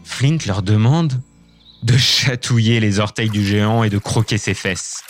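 A man reading a children's story aloud, clear and expressive. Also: on the low side, a little slow, soft background music.

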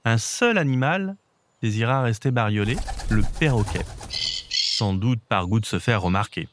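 A man reads a children's picture-book story aloud, gentle and expressive. His pitch is middling and ordinary. A steady hiss of noise sits under the voice. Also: measured pace.

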